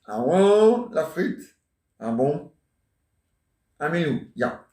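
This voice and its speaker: A man's voice: a little high, big pitch swings, drawn-out words, mellow, far from the mic. A man in his forties rambling and joking in casual chat, teasing banter. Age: 40s. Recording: echoey room.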